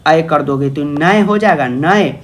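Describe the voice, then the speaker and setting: Male tutor with a fairly high voice who explains patiently and coaxes his students along, voicing their questions himself. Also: slow. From India. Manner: asks and answers imagined student questions himself; coaxing, calls listeners "babu". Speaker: teacher. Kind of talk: classroom-style grammar lesson.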